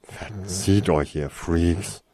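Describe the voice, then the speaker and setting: A man's voice: deep voice, extremely slow, dark tone, dry recording, heavily acted. A man doing a snarling grumpy householder. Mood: dismissive. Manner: snapping, hostile. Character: rude grumpy middle-aged man at his door.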